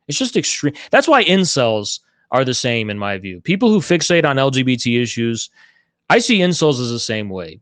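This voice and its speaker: In a live online audio chat room, a man who leads a political group argues emphatically in a debate, repeating himself and swearing now and then. His voice is fairly high and a bit bright, with no room sound.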